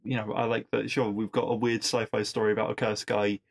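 A man's voice: lowish voice, little pitch movement, brisk, vocal fry. A man hosting a podcast, casually recapping a TV episode with wry asides and frequent restarts. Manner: chatty, wry asides, repeats words while thinking. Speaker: podcast host reviewing episodes.

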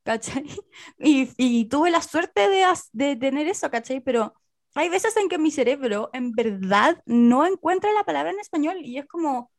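A woman's voice: high-pitched, expressive, unhurried. A young woman with a Chilean accent in casual conversation, colloquial, with the odd English word mixed into her Spanish. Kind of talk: casual chat.

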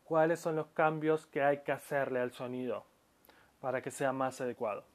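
A man's voice: medium pitch, steady tone, moderate pace. A man giving a spoken language lesson, explaining pronunciation patiently and stretching out example words, with frequent restarts. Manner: calls himself audio-lesson maker, addresses listeners. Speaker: Japanese language teacher.

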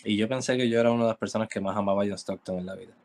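Hombre puertorriqueño que cuestiona. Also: male voice, lowish voice, steady tone, darkish tone. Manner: questioning, probing, quick interjections. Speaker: podcast co-host. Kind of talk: casual sports debate.

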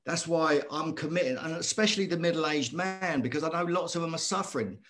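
A middle-aged man, a former boxer telling his story as a guest in earnest, animated talk that circles back on itself. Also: a little high, fairly quick. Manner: earnest, animated, repeats himself. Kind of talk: conversational storytelling.

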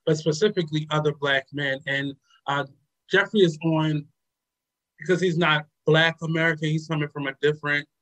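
Male talk host, slightly higher voice, halting and filler-heavy delivery. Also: fairly even intonation, fairly bright tone, rough recording. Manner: hesitant, many ums and uhs. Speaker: radio show host. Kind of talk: casual reflective talk.

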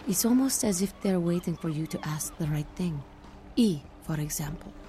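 An actress playing a cryptic, troubled seer in a video game, speaking halting, eerie prophecies in riddles. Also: female voice, fairly low pitch, lively intonation, dark tone, close to an everyday voice. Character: cryptic, troubled young female seer telling dark fortunes. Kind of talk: dramatic video game acting. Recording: noisy, with background ambience.

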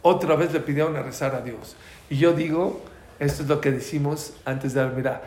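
A man's voice: a little high, a little fast, darkish tone, roomy sound. A man teaching a religious class, telling stories and asking his listeners questions, using Hebrew terms. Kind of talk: storytelling class lecture.

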